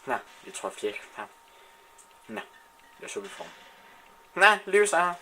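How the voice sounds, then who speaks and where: A man giving excitable live commentary while playing a shooter game, swearing and trash-talking his opponents. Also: lowish voice, a little hiss or hum.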